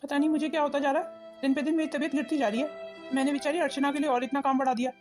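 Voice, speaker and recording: A woman's voice: sits high, flat delivery, very fast, over music, natural voice. A woman voicing a sick, weary husband in a cartoon who speaks in a tired, complaining way. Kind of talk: cartoon voice acting.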